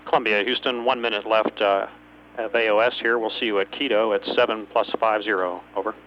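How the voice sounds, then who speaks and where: Brisk and steady, this fairly low-pitched male capcom radios a spacecraft from ground control in a procedural way, pausing hesitantly between phrases. The channel is dull, with faint hum and noise.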